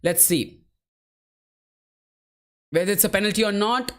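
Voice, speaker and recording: A man's voice: sits high, measured pace, fairly bright tone. A man hosting a live football watchalong, calling the play and chatting casually with viewers, calling them "bro" and "man" and laughing easily. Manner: laughs easily while answering chat. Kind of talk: live match commentary and chat replies.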